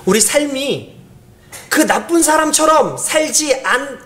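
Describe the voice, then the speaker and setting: A man's voice: extremely high pitch, slow pace. A pastor preaching a sermon in a conversational way, asking the congregation questions and acting out the voices of people in his stories. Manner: animated, acts out quoted voices.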